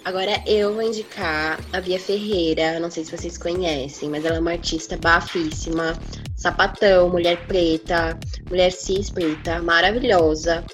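Brazilian woman w lowish voice, enthusiastic slangy podcast chat, faint music. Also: fairly even intonation, normal speed. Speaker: podcast panelist. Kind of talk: casual chat.

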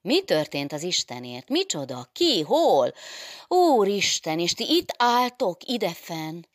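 A woman voicing a loud, bold gentry nun who shouts commands. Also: on the low side, very animated, dry recording, studio quality, pitched above the performer's own voice. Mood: alarmed.

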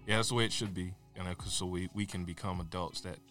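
A man's voice: sits low, fairly even intonation, fast talker, fairly bright tone, soft background music. A man hosting a casual podcast, laid-back and reflective, laughing easily as he talks. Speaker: podcast host.

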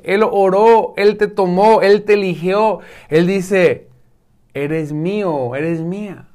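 High-voiced emphatic male preacher. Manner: emphatic, repeats words and drops to soft intense tones. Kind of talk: sermon.

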